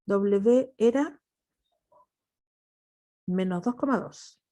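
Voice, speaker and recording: Over a video call, a woman with a Chilean accent teaches an online math class, speaking extremely slowly in a warm, mid-range voice. She is patient and affectionate with her students.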